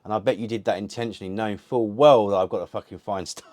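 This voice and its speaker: A man's voice: fairly low pitch, fairly even intonation, fast, darkish tone, no echo. A man hosting a retro gaming channel, chatting casually to camera in a rambling way, swearing constantly and restarting sentences. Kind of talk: casual unboxing chat to camera.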